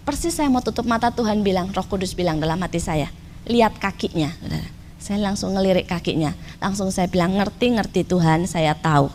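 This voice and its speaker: A middle-aged woman preacher telling a story in a sermon, often turning to her listeners directly. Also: medium pitch. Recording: faint background noise.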